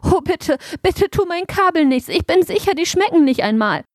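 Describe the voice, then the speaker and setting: Timid little toy truck boy, high and anxious, storybook vehicle, dry close sound, woman voicing him. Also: moderate pace, darkish tone, no echo, lightly acted. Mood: frightened. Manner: anxious, innocent. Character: small timid male toy truck, naive. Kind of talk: audiobook character voice.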